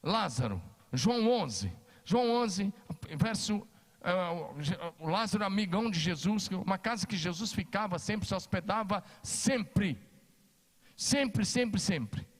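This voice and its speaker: Brazilian pastor preaching, high voice, lots of repeating, big hall echo. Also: male voice, animated, unhurried. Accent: Brazilian Portuguese. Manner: emphatic, repeats key phrases, rises for quoted lines. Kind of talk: sermon. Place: church hall.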